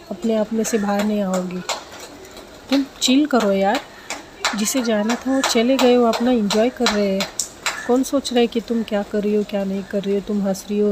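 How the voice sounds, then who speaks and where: A woman's voice: medium pitch, background noise. A woman casually telling a romance story, voicing all the characters in her own plain speaking voice.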